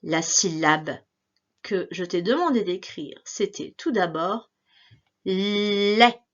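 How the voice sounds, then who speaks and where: Slow, lilting woman giving a dictation. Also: on the low side, lively intonation, highs cut off. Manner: slow, carefully articulated, repeating each word. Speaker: teacher. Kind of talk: dictation lesson for young pupils.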